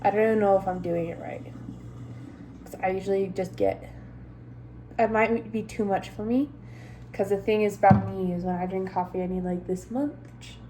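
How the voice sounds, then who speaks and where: With a mid-range voice, moderate pace and long pauses, a young mom rambles and giggles through a casual vlog. She talks to the camera while doing chores in her home kitchen, and background noise can be heard.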